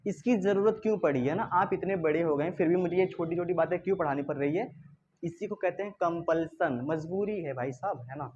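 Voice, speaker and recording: A man's voice: a little high, fairly quick, a little mellow, a little hiss or hum. Man drilling a class, slightly dull recording. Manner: drills the class with repeated call-and-response questions; coaxing and teasingly scolding. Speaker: English teacher.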